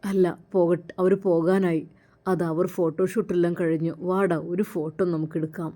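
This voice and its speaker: A woman voicing an affectionate young man, a caring elder brother who coaxes gently. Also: on the low side, fairly even intonation, moderate pace, close to an everyday voice. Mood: coaxing. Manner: tender, coaxing.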